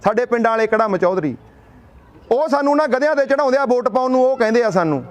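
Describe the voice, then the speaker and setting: A man from Punjab addresses an outdoor protest in an impassioned public speech. His voice sits very high for a man. He drives his points home with rhetorical questions and folksy stories. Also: lively intonation, fast, a little hiss or hum. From Punjab, India. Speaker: speaker at a protest sit-in.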